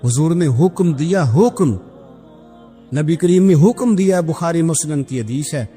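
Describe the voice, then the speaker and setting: A male preacher telling religious stories in a sermon, acting out the people in them with big swings of voice. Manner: animated storytelling, acting out quoted speakers with big pitch swings. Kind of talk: Islamic sermon storytelling. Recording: echoey hall with background music.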